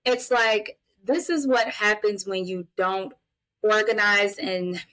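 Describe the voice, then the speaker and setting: She takes her time, speaking at medium pitch with a fairly bright tone on a low-quality recording. The speaker, a woman in her late thirties, is a podcast guest who works as a mental health advocate and guardian. In conversational interview style, she shares personal testimony and gives listeners candid, emphatic advice.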